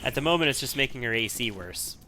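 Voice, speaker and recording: A man's voice: medium pitch, animated, fast, loud music behind the voice. A man giving casual, analytical gameplay commentary, sometimes repeating himself as he thinks. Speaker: video game let's player. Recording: faint background noise.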